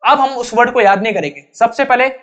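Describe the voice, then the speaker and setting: Brief: very high-pitched male tutor, chatty repetitive explaining, dull lo-fi sound. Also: fast talker, fairly bright tone. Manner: chatty, repetitive explaining, addresses students as bhai. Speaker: English teacher. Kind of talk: exam-prep vocabulary lesson. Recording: dull lo-fi recording.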